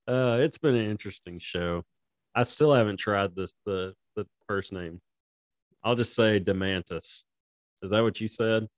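A man with a lowish voice co-hosts a sports podcast in casual chat. He laughs a lot and breaks off his own sentences. The sound is dry and close to the mic. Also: unhurried, dry recording. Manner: laughs often, rambling and self-interrupting. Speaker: podcast co-host.

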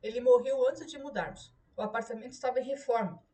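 Brief: young sister, gentle but sly, read by a woman, high voice, distant mic. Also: fast talker, natural voice.

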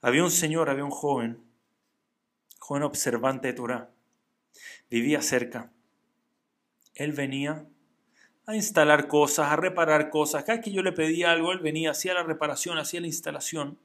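A man telling a religious moral story in an animated, emphatic way. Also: on the high side, a little fast, pauses often. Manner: animated, emphatic, swinging volume.

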